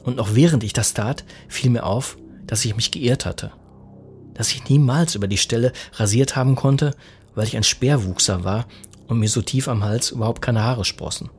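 A man in his forties reading a humorous first-person story in a wordy, self-mocking, deadpan manner. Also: mid-range voice, normal speed, a little hiss or hum. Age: 40s. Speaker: narrator.

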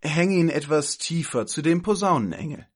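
A man's voice: on the high side, animated, normal speed, slightly rough, voice pushed up. A man voicing a bossy, indignant aunt who scolds and fusses in a storybook reading. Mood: fussy. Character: shrill bossy scolding middle-aged aunt, female.

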